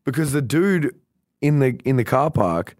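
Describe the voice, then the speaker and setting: A man's voice: mid-range voice, a little slow, no room sound. A man with an Australian accent, co-hosting a podcast and telling a story in casual chat, swearing freely and acting out what people said. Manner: animated, swears freely, acts out quoted dialogue. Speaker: podcast co-host.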